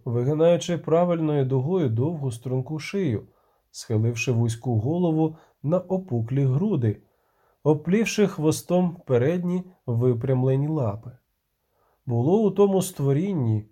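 A man narrating a fantasy audiobook in an expressive, measured way. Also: fairly high pitch. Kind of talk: scripted narration.

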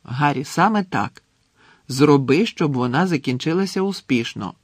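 A man voicing an easygoing teenage schoolboy in an audiobook, offhand and blunt, with a gravelly, husky voice. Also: fairly high pitch, animated, normal speed, dry recording, clean studio sound. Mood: urging. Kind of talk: audiobook character reading.

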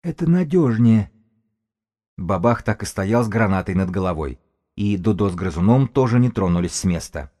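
A man narrates an audiobook in a steady, even way. His voice is very deep and dark, with a mellow, unhurried warmth.

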